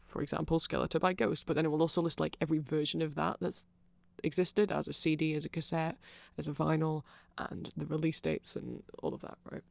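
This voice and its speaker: This ASMR creator races fairly quickly through a rambling explainer, barely pausing, in a flat, heavily fried, gravelly voice a little high for a man. He is nerdy and tangential, circling back to correct himself and checking in. The sound is very dry and close, without echo.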